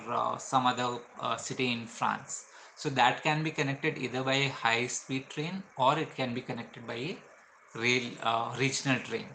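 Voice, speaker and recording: Indian-accented male vlogger, bright forceful tone, faint ambient noise; patient explainer. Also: medium pitch, low-quality recording. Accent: Indian English. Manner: explains step by step with frequent uh fillers. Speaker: travel vlogger. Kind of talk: explanatory travel tips.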